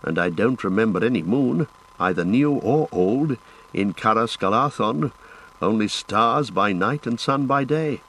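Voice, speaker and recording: Frodo, a man doing a quiet hobbit. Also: on the low side, lively intonation, measured pace, breathy edge, exaggerated voice, rough recording. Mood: thoughtful.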